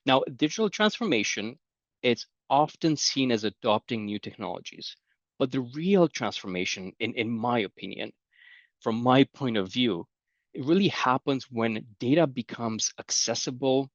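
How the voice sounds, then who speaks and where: Here a middle-aged man speaks at a conference in a medium pitch, his Romanian accent clear. He keeps things conversational and explanatory, telling everyday anecdotes punctuated by light laughter. Muffled audio, no echo.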